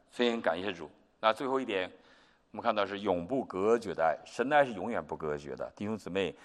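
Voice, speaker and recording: A male pastor preaching a sermon, telling a story with lively animation. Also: lowish voice. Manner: animated storytelling, acts out quotes. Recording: long reverb hall.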